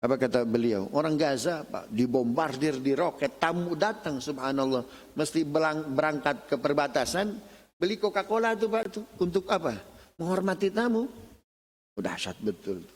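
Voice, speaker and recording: A middle-aged Indonesian man giving a casual religious lecture at a mosque, telling lively stories and addressing his listeners directly. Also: fairly high pitch, normal speed. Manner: animated storytelling, often addressing listeners as "Pak". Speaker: lecturer at a mosque study session. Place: mosque hall. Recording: long reverb of a mosque hall.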